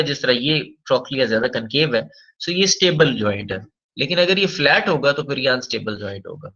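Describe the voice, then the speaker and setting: Bright-voiced man teaching knee radiology. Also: mid-range voice, lo-fi sound. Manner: mixes Hindi explanation with slowly read English textbook lines. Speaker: physiotherapy lecturer. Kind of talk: recorded radiology lecture.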